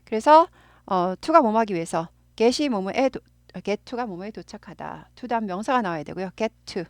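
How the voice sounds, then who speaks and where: A woman's voice: mid-range voice, lively intonation, normal speed, a little mellow, dry recording. Patient Korean-accented woman teaching English. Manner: patient, repeats phrases to drill pronunciation. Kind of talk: explaining English grammar and pronunciation.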